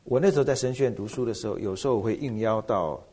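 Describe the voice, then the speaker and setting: A middle-aged man, a pastor, preaching a sermon with animated rhetorical questions. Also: on the low side, racing.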